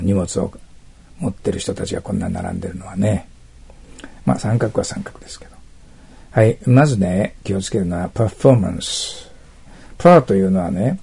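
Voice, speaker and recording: A man teaching English in a test-prep lesson, explaining each answer step by step, often checking that listeners follow, and reading test sentences slowly. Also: on the low side, gravelly, warm tone, husky.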